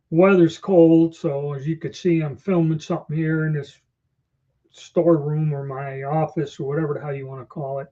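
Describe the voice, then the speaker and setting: Male livestream host: relaxed, rambling chat, slight false-teeth impediment, dull lo-fi audio. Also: fairly high pitch. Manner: rambling, conversational. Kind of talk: casual livestream chat answering viewers. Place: small storeroom or office, indoors.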